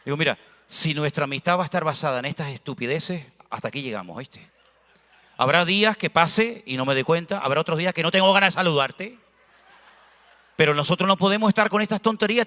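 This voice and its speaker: A man preaches a lively, anecdote-filled sermon, his voice high-pitched and bright. He speaks into a handheld microphone in a church. The hall around him rings with a long reverb. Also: fast talker. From Spain. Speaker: pastor.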